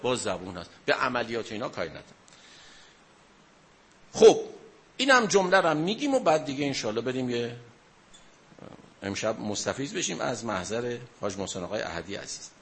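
A man's voice: mid-range voice, very animated, pauses often, fairly bright tone. A man giving a religious talk to an audience, telling a story and asking questions as he explains. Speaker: religious speaker.

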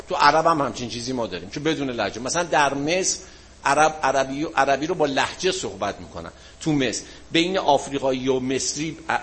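A man teaching a religion class, answering students' questions in a relaxed, colloquial way and leaning on everyday examples. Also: medium pitch. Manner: closes with a chanted-style supplication.

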